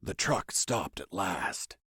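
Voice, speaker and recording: An actor playing a wry, deadpan escaped soldier in a video game, delivered like dramatic storytelling. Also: male voice, low voice, slow pace, husky, no room sound, studio quality, full character voice. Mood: narrating. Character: wry, cool male action hero, escaped soldier prisoner. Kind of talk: video game dialogue and narration.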